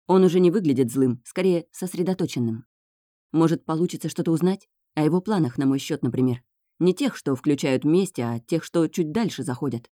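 A woman narrating a first-person novel as an audiobook, in a tense, hushed inner voice. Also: sits low, lively intonation, a little fast, no echo, studio quality.

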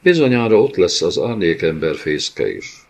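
A man's voice: low-pitched, very animated, vocal fry, full character voice. A man voicing a grim male nomad warrior who talks in curt, skeptical, commanding lines. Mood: resolute.

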